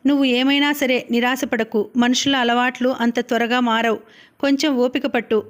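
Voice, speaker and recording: A woman reading the part of a gentle mother who consoles her daughter in a letter. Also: fairly high pitch, fairly even intonation, normal speed, natural voice. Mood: soothing. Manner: soothing.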